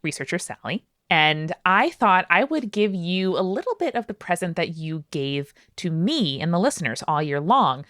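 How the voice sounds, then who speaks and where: A woman's voice: on the low side, sing-song, moderate pace, hardly any pauses, fairly bright tone, no room sound, studio quality. A woman co-hosting a podcast, reacting in a wry, playful way with hesitant fillers. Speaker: podcast co-host. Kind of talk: casual podcast chat.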